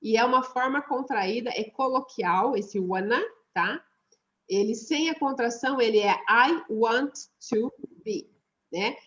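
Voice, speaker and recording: A woman's voice: medium pitch, dull audio. Brazilian woman teaching English online. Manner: explains patiently, repeats words slowly for pronunciation. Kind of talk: online class explaining song lyrics. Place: online video class.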